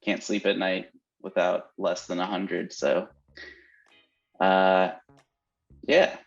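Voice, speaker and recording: A man's voice: sits low, flat delivery, slow, lo-fi sound, faint music behind. A man co-hosting a casual podcast, joking and making fun of himself. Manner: joking, self-deprecating. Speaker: crypto podcast co-host. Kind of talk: casual chat.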